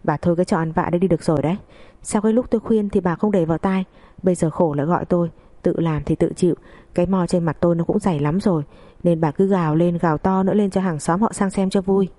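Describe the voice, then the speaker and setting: A woman's voice: lowish voice, steady tone, fast, warm tone, close to an everyday voice. A woman voicing a weary, fed-up old father-in-law who speaks curtly and scornfully. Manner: curt, scornful.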